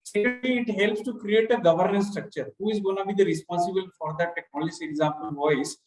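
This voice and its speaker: A man's voice: high-pitched, fast, darkish tone, soft background music. A man on a webinar panel, speaking thoughtfully with fillers and ending points with "right?", heard on a video call. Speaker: banking technology panelist. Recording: echoey room on a video call.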